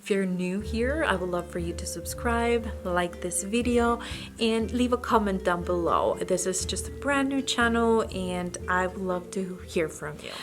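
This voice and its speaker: Chatty woman book vlogger. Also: mid-range voice. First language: not English. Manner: chatty, slightly halting, searches for words. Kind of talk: casual chat about books.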